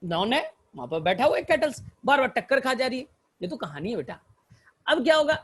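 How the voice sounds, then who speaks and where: A man's voice: extremely high pitch, sing-song, fairly quick, fairly bright tone, breathy edge. A male teacher giving a botany lecture through mnemonic stories, who keeps calling his students "beta" and asks and answers his own questions.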